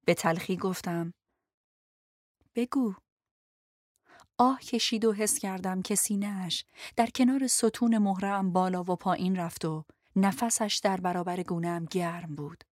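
A woman narrating an audiobook in the first person, in a quiet, reflective reading. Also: on the low side, no room sound, studio quality.

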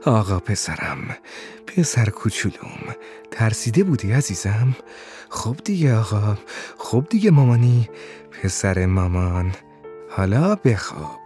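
A man voicing a young mother who talks in a soft, soothing, cooing way. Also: on the low side, very animated, faint music behind, pitched below the performer's own voice. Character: anxious young mother, tender with her baby.

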